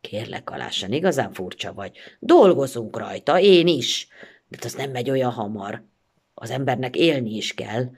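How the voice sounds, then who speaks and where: An actress reciting a first-person story theatrically, expressive and shifting between pleading and irony. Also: female voice, very deep voice, slightly rough.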